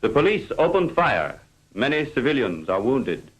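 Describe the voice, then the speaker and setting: A man reading scripted narration for an old 1950s newsreel in a formal, measured delivery, on an old film soundtrack. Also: mid-range voice, big pitch swings, breathy edge, poor audio.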